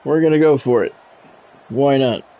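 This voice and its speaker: Heard with phone-quality sound, a man with a mid-range voice speaks at normal speed. As a gaming streamer, he gives radio-style play-by-play of a college football game, his announcer delivery building on big plays while he shifts between calls and chatting with viewers.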